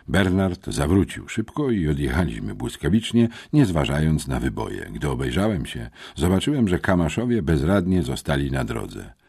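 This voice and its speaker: A man narrating an adventure audiobook in the first person with expressive storytelling. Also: extremely low pitch, gravelly, breathy edge.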